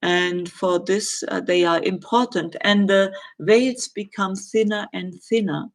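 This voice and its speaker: A middle-aged woman with a German accent, answering viewer questions in a live chat and pausing often with ums and uhs. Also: medium pitch. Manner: hesitant, many ums and uhs, gentle.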